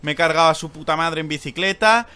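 In clean audio, a young man with a Spain Spanish accent talks fast through his live-streamed gameplay. Excitable, he moves from loud outbursts to low mutters.

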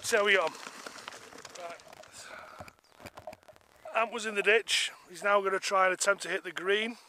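A man's voice: high voice, fairly even intonation, normal speed, sharp tone, slight background noise. A man in his forties with an English accent, chatting to viewers while filming himself outdoors on a golf course. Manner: chatty, addresses viewers as guys. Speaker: golf vlogger. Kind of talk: casual vlog commentary. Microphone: camera held at arm's length.

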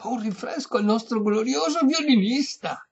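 Male reader putting on a shrill, insistent deaf old lady in high falsetto; husky, dull lo-fi sound. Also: huge pitch swings, unhurried, full character voice. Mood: chatty. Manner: high quavering falsetto, loud. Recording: dull lo-fi recording.

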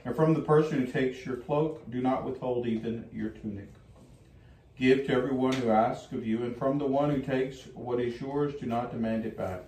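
Older priest with an echoey, mellow voice. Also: male voice, mid-range voice, fairly even intonation, moderate pace. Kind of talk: liturgical gospel reading and homily. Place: small wood-panelled chapel. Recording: echoey room, distant mic, faint noise.

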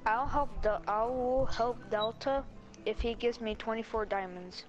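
A woman's voice: fairly high pitch, a little slow, lo-fi sound, over music. A woman chatting casually during a game with friends, chiming in with brief, hesitant remarks. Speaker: player in the group. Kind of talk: casual gaming chat.

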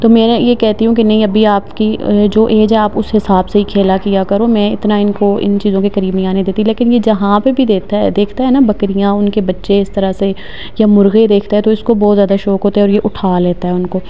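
Woman from Pakistan, casual vlog, phone at arm's length, outdoors, even tone, dull lo-fi audio. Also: mid-range voice, a little fast. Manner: chatty, reminiscing, many fillers. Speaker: vlogger. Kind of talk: casual walking vlog narration. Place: outdoors in a mountain village. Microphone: phone held at arm's length.

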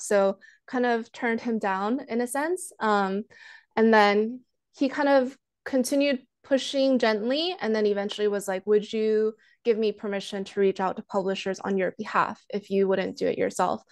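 A woman in her thirties chats as an interview guest over a video call, her voice picked up by a small earphone mic at home. She sounds soft-spoken and self-deprecating, hedging with frequent ums and restarting her sentences. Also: mid-range voice, fairly even intonation, normal speed, clean tone. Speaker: guest author and counselor. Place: living room at home, indoors. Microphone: earphone headset mic on video call.

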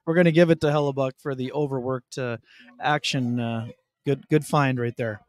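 Smooth-voiced middle-aged hockey reporter. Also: male voice, mid-range voice, fairly even intonation, moderate pace, dry recording, studio quality. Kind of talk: casual sports chat.

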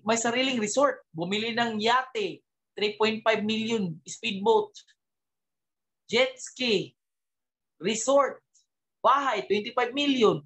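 Speaking in a very high-pitched voice, a man fires up a business team meeting with an animated motivational speech. He mixes in English terms and repeatedly asks the audience questions he doesn't expect answered.

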